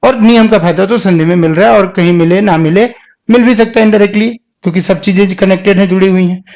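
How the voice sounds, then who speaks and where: A man teaching a Hindi grammar class. He asks questions and answers them himself, and repeats words slowly to show how they are pronounced. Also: high-pitched, a little mellow. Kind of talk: classroom lecture.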